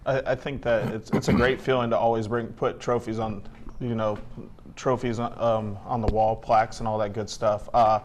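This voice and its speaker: Man, assistant coach, low pitch, flat delivery, rambling. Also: moderate pace, a little hiss or hum. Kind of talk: press conference answers.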